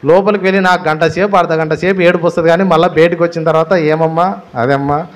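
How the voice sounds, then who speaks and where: A male pastor with a Telugu accent preaches with a lot of emphasis. His voice sits high for a man, and he leans on repetition and rhetorical questions to drive each point home. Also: flat delivery, very fast. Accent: Telugu, Andhra Pradesh. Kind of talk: sermon.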